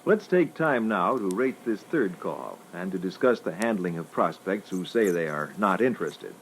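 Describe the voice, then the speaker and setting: A man with a low, sing-song voice moderates a sales training record at a moderate pace, delivering scripted instructional narration. The old reel-to-reel recording is faintly noisy.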